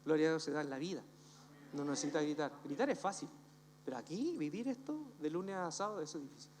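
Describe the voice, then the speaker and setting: High-voiced joking preacher in a church hall. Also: male voice, fast. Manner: animated storytelling, jokes, acts out voices. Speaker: pastor. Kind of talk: humorous sermon. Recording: church hall reverb, faint hum.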